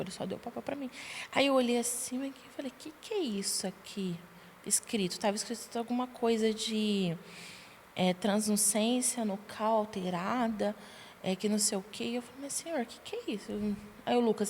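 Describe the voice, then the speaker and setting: A young adult woman, a podcast guest, tells her personal testimony in a lively way and acts out the dialogue she quotes. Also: on the high side, brisk. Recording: long reverb, faint background noise.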